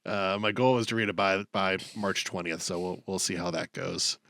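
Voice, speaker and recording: A man's voice: low voice, steady tone, normal speed, creaky, fairly bright tone, no room sound. Man, podcast co-host, joking, laid-back, dry sound. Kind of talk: casual movie chat.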